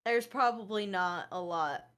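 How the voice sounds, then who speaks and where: A woman co-hosts a laid-back podcast in a voice of ordinary middle pitch. She talks in a chatty way, hedging her points and padding them with fillers and asides. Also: a little slow, a bit bright. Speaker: podcast co-host and streamer. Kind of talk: casual podcast chat.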